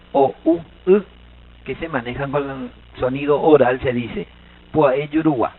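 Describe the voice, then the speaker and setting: A man with an Argentine Spanish accent giving a lively seminar lecture as a Guaraní language teacher, joking and quizzing the audience. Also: on the high side, narrow, tinny audio. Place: seminar hall.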